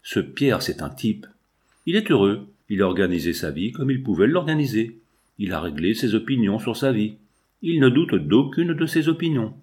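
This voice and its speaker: A man voicing a wistful young woman about to leave her provincial town, speaking in a gentle, reflective way. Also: on the low side, very animated, normal speed. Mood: pensive.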